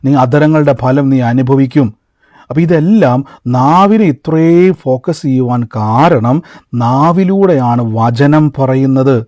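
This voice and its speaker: Taking his time, a man with a mid-range, slightly mellow voice preaches a testimony-driven sermon in a chatty, storytelling way. He calls listeners "brother" and "beloved" and drops in English words. The recording is dry and clean, studio-style.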